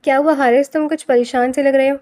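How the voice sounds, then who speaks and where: A woman's voice: high voice, steady tone, warm tone, dry recording, close to an everyday voice. A woman voicing a proud young man, an older brother turning cold and threatening. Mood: caring.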